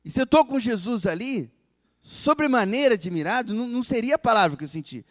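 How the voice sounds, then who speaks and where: A man preaching a sermon in a church, telling the story with animated delivery and acting out the quoted voices. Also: very high-pitched, brisk, no room sound, long reverb tail.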